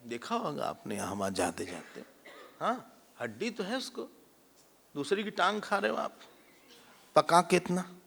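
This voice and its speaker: A man, a swami, giving a lively spiritual discourse with jokes, mimicking everyday people. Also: sits high, measured pace, vocal fry, pauses often. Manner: animated, mimics everyday people, mixes English words. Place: large hall at a retreat. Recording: long hall reverb.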